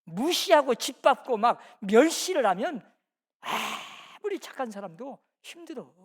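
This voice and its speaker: A woman pastor from the Jeolla region giving a sermon, swinging between loud emphasis and soft, low phrases, and acting out the speech of people in the story. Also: very animated, measured pace. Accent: Korean, Jeolla region. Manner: acts out quoted speech of scripture figures. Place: church sanctuary.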